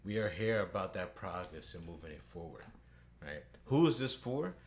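A man in his thirties hosting a podcast, speaking earnestly and at a measured pace with filler "uh"s. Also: sits low, sing-song. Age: 30s. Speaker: podcast host. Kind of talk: podcast introduction.

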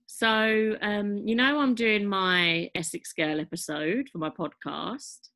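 A woman's voice: medium pitch, slow, fairly bright tone. A woman podcast host having a casual, informal chat.

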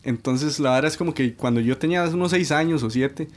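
A man's voice: a little high, fairly quick. Rambling Costa Rican man telling a story. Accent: Costa Rican Spanish. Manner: rambling storyteller, says "mae" constantly. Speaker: podcast co-host. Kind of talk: casual chat among friends.

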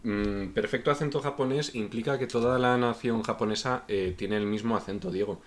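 A man's voice: lowish voice, a little fast. A man with a Spain Spanish accent co-hosting a casual podcast chat in a studio, teasing the others in a dry, sarcastic way. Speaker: podcast co-host. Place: studio with live audience.

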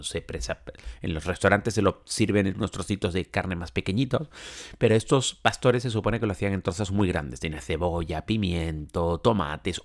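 Un hombre que habla de viajes en tono charlado y divagante, con muchas muletillas y repeticiones. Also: male voice, sits low, creaky. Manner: chatty, rambling, many fillers and restarts. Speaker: travel vlogger. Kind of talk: casual travel talk to camera.

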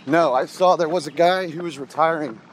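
A man from Ireland tells a story at an easy pace and laughs often as he goes. His voice sits a bit high, and steady noise from outdoors fills the background. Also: brisk, low-quality recording. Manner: storytelling, relaxed, laughs easily. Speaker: podcast co-host. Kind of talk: casual chat. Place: outdoors on a run.

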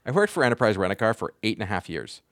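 A man co-hosting a gaming podcast, telling an exasperated story in a casual, animated way. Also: lowish voice, very fast, no echo, clean studio sound. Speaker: podcast co-host. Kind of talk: casual chat.

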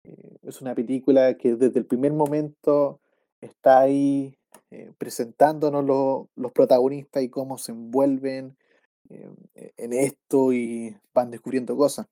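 A Chilean man on a casual film podcast with a mellow, warm tone. He talks in a relaxed, rambling way and tags his sentences with slang. His pitch sits in the middle range. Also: a little slow. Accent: Chilean Spanish. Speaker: podcast co-host.

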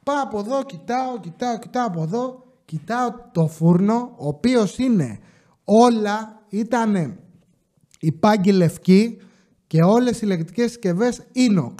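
A man hosting a podcast, telling a funny personal story in a casual, animated way and acting out the dialogue. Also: sits high. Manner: animated, acts out quoted dialogue. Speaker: podcast host.

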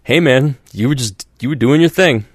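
A male podcast host with a medium-pitched voice chats casually at a moderate pace. He rambles with lots of fillers and restarts and acts out quoted voices.

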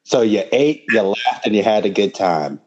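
Husky low-voiced man teasing his friend. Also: lively intonation, moderate pace, a little mellow, highs cut off. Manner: teasing, dry comebacks. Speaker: podcast co-host. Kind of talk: casual chat.

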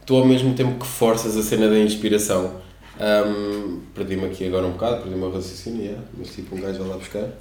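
A man's voice: lowish voice, steady tone, fast, few pauses, dark tone, echoey room, a little hiss or hum. A young man in casual conversation as an interviewer, slangy and full of filler words. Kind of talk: casual chat.

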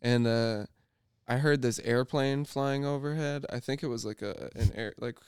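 A man's voice: mid-range voice, fairly even intonation, normal speed, darkish tone, clean tone, dry recording, studio quality. A man in his twenties casually telling a long, rambling story on a podcast, often stopping himself and laughing at himself. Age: 20s. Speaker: podcast co-host.

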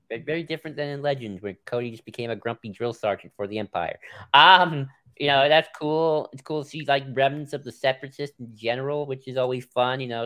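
A man co-hosting a live podcast in casual chat, musing in a relaxed way with many ums and you-knows. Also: mid-range voice, smooth. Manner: easygoing, filler-heavy musing with laughs. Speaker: podcast co-host.

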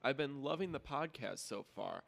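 A man co-hosting a podcast in casual chat, with a gravelly, creaky voice. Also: medium pitch, animated, normal speed, fairly bright tone. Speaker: podcast co-host.

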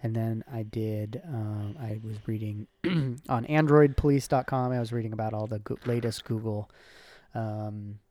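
A woman's voice: rumbling low, unhurried, mellow, no echo. A woman hosting a casual podcast chat, rambling with lots of ums. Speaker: podcast host.

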